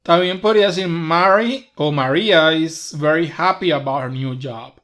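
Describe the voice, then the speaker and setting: A man's voice: on the high side, measured pace, a bit bright. A man whose first language is Spanish teaching an English grammar lesson, patiently repeating each example step by step. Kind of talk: slow grammar lesson explanation.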